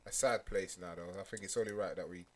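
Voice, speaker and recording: A man's voice: deep voice, steady tone, fast. A man with a London accent chatting casually as a podcast co-host, insistent and slangy. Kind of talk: casual group banter.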